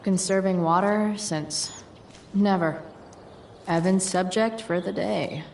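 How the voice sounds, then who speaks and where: Sardonic teen girl muttering to herself in a game, lots of fry, slow. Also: fairly low pitch, a little mellow, slight background noise. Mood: dry, mocking. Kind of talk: video game voice acting.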